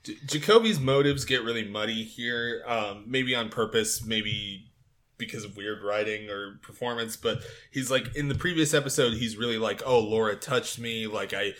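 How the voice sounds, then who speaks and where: A man with a bright, forceful voice chatting through a TV episode recap with a co-host. He talks in a loose, animated way, laughs easily and swears casually. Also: mid-range voice, normal speed. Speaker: podcast co-host.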